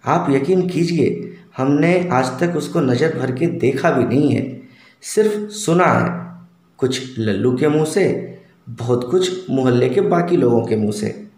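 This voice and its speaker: A man's voice: medium pitch, unhurried, darkish tone. A man telling a humorous personal story in a wry, slangy, casual manner. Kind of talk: spoken storytelling. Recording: roomy echo.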